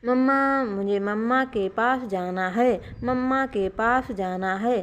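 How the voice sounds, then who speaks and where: A woman's voice: on the high side, slow pace, smooth. A woman doing a small crying girl. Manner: wailing, pleading.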